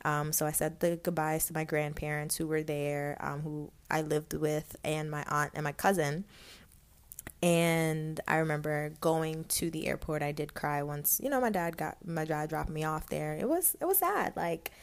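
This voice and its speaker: Young woman, light Guyanese accent, low voice, chatty candid podcast host, casual storytelling. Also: moderate pace. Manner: chatty, candid, laughs often, many fillers.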